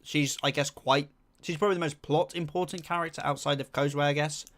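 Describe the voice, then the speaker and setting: A man's voice: fairly high pitch, fairly even intonation, a little fast, a bit bright. A young man chatting casually on a live stream, reading chat and rambling with lots of fillers while humming to himself.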